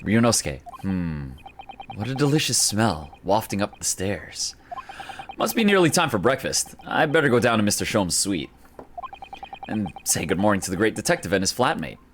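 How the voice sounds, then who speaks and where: A man playing an earnest, polite young lawyer from a video game, reading his lines in a measured manner. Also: fairly low pitch, big pitch swings, slight background noise. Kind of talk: reading game dialogue and narration in character.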